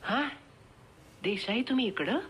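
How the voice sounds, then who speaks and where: A woman reading aloud voices a smooth-talking village livestock broker man with a persuasive, coaxing, rustic way of speaking. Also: on the high side, animated, a little slow, a bit bright, a little hiss or hum, pitched above the performer's own voice.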